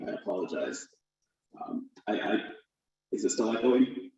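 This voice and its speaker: A man's voice: on the low side, big pitch swings, a little slow, warm tone. A man in his forties from Los Angeles, an attorney giving an earnest, formal town hall talk with fillers and restarts over a video call. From Los Angeles, USA. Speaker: attorney and guest speaker. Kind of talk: community town hall presentation. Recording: echoey, distant, dull video-call audio.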